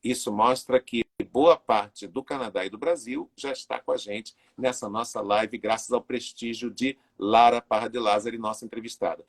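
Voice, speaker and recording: A man's voice: mid-range voice, fairly even intonation, moderate pace, hardly any pauses. A man in his sixties hosting a live video interview, chatty and full of fillers as he greets viewers. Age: 60s. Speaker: interviewer and live show host.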